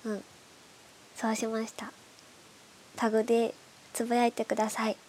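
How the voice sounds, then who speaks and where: A woman's voice: fairly high pitch, monotone, moderate pace, a little mellow. Nasal, congested woman hosting bedtime radio. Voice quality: nasal, stuffed-nose voice. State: congested from hay fever. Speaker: host of a bedtime radio show. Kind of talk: soft, casual late-night radio chat. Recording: clearly audible background hiss.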